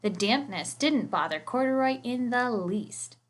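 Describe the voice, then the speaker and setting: A woman reads a picture book aloud for children. Her voice is fairly high, with expressive, animated swings in pitch. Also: unhurried. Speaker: teacher reading aloud.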